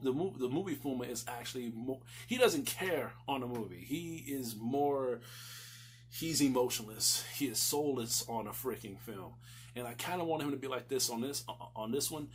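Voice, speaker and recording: A man reviews a series casually and emphatically, swearing a lot and rambling, repeating himself to stress points. His voice is medium-pitched, and the recording has a little hiss or hum.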